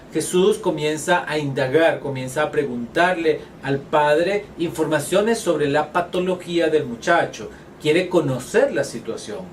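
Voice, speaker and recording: Male lecturer in a Bible study course, pitched a little high, measured and explanatory with hesitant fillers, recorded from a slight distance with light room noise. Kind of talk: teaching a Bible study module.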